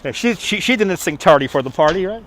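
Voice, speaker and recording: Middle-aged man, Brooklyn accent, slightly high voice, chatty and repetitive, casual live-stream talk, faint city street noise. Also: lively intonation, quick pace, fairly bright tone. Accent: Brooklyn, New York. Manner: chatty, reading and answering viewers aloud, repeats himself. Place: outdoors on busy Manhattan streets.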